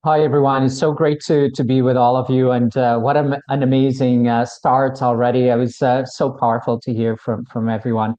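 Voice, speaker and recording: A middle-aged man introduces himself as a panelist, stumbling over words and filling pauses often. His voice is warm and low-key, with little rise and fall. The audio comes through a bit muffled. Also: flat delivery. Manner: halting, many fillers and repeated words. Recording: slightly dull audio.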